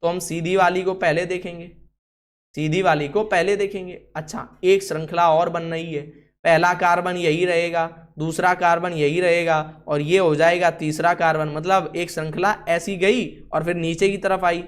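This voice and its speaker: A man's voice: a little high, level tone, moderate pace. A man teaching a chemistry class, asking the students questions and answering them himself, and telling someone else what to write on the board. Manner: instructs someone writing on the board. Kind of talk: classroom lesson.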